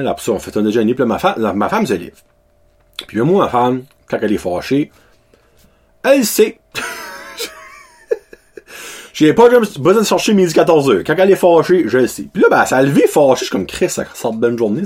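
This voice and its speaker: A man's voice: medium pitch, darkish tone, husky. A man in his thirties with a Québécois French accent, casually chatting to his followers in a loose, slangy way and mixing in English words. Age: 30s. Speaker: vlogger.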